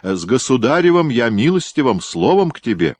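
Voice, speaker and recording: A man's voice: medium pitch, very animated, normal speed, a little mellow, dry recording, pitched above the performer's own voice. A man voicing Ignatiy, a sturdy, devoted young guardsman speaking eagerly in a storybook reading.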